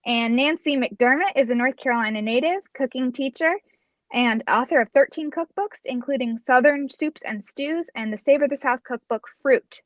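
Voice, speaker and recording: A woman hosting an online book event, briskly reading guest introductions over a video call. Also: high voice, no echo, muffled recording. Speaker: bookstore event host.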